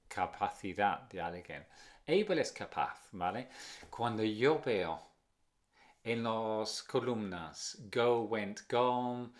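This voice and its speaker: A man who speaks English natively, giving a casual video lesson in Spanish, chatty, and switching to English to model pronunciation slowly. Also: mid-range voice. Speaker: English teacher.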